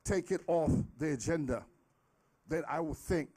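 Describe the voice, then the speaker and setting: A middle-aged man speaks off the cuff as a resident at a public meeting. His voice is fairly high and very mellow, with a halting, repetitive, pleading manner. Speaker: resident and former city worker speaking at public comment. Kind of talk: impromptu public comment.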